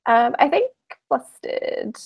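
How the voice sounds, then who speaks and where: A woman playing a tabletop roleplaying game, narrating casually and haltingly as she thinks aloud. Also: high-pitched, sing-song, vocal fry, husky.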